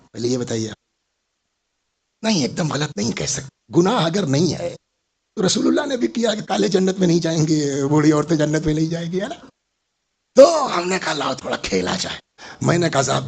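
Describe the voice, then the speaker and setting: An older man giving a sermon, telling stories and putting questions to his listeners. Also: a little high. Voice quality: gravelly, husky voice. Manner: storytelling, asks the audience questions. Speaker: Islamic scholar giving a majlis lecture.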